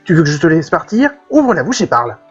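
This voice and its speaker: A man's voice: fairly high pitch, big pitch swings, fast talker, breathy edge. A man voicing a stern, blunt young male mercenary leader who asks short, curt questions. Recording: dull lo-fi with faint game music.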